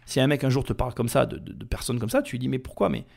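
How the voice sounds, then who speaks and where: A man's voice: mid-range voice, fairly even intonation, racing, vocal fry, a little mellow. A man hosting a podcast, heated and indignant, talking straight to the listener. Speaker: podcast host. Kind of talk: ranting podcast commentary.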